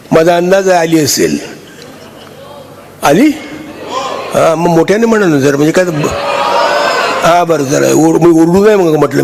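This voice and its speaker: Older man, gravelly, fairly high-pitched, halting stage speech. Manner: halting, restarts, warm and chatty with the crowd. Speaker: honoree giving a speech.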